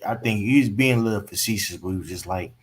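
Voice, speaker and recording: A man's voice: fairly low pitch, quick pace, a little hiss or hum. A man in casual political chat, rambling with lots of fillers and laid-back slang.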